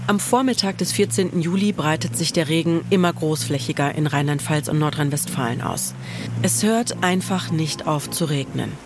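A woman hosting and narrating a podcast, telling the story in a lively, personal way. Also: sits low, moderate pace, loud music behind the voice.

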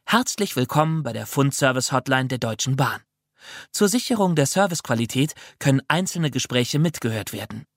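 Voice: medium pitch, lively intonation, fairly quick, no room sound, clean studio sound. A reader voicing a chirpy, formal recorded hotline announcement in a children's audiobook.

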